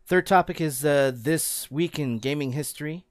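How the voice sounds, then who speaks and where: A man's voice: on the high side, normal speed, no room sound, clean studio sound. A young man hosting a gaming podcast, talking casually and hesitantly with lots of fillers. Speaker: podcast host.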